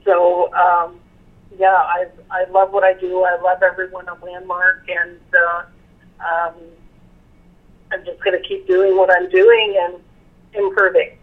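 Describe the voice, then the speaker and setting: A woman's voice: on the low side, flat delivery, unhurried. A woman on a company call, speaking hesitantly with many fillers about loving her work. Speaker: sales team member on a call. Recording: tinny phone line.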